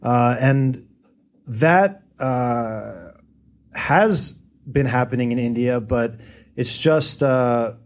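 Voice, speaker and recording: As a guest in a casual interview, this American data journalist hedges and thinks aloud, filling his answers with fillers. He speaks in a mid-range voice, drawing out his words.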